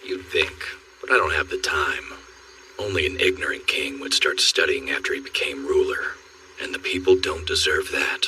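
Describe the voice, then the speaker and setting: A deep-voiced, wry burly warrior. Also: male voice, sharp tone, a little hiss or hum, full character voice. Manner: wry, measured, dry humor. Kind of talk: anime English dub. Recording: distant voice with faint score.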